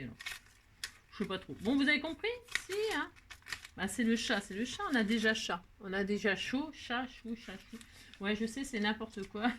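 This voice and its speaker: A woman's voice: medium pitch, a bit bright, a little hiss or hum. A middle-aged woman chatting casually through a crafting tutorial, talking to herself and her viewers as she works. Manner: chatty, talks to herself and viewers, many fillers.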